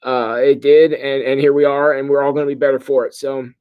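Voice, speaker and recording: A middle-aged man, a pastor, giving a casual livestream update in a sedated, halting, groggy way. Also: medium pitch, level tone, clean tone, highs cut off. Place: hospital room.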